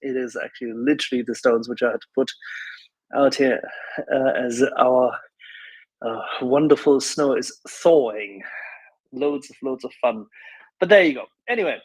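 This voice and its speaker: Wordy, halting man in dry sound. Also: medium pitch, slightly rough, dry recording, poor audio. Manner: wordy, halting, ornate word choices. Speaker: co-host. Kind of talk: casual live discussion.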